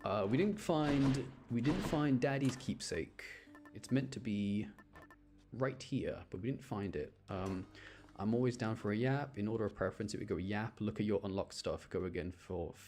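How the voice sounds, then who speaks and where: A man offers casual gaming commentary on a livestream, thinking out loud informally while video game music plays behind him. His voice is fairly low and darkish in tone, at a normal speed.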